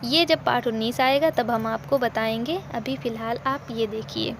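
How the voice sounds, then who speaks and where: Woman teaching a lesson, kinda high voice, repeats stuff, faint noise behind. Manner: slow, explanatory, repeats examples and asks rhetorical questions. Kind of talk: recorded language lesson.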